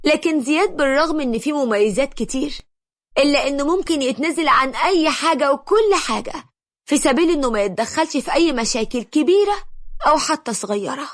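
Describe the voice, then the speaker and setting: A woman's voice: high voice, animated, fast, dry recording, clean studio sound, voice pushed up. A woman voicing a young married sister-in-law who speaks frankly and sadly, with an Egyptian accent. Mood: earnest. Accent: Egyptian Arabic.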